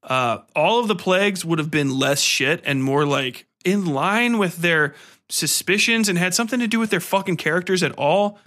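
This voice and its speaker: A man with a sharp, high-pitched voice reviews a film on his solo podcast at a moderate pace. His casual rant is profane and irreverent, heavy with swearing, slang and exasperated sarcasm.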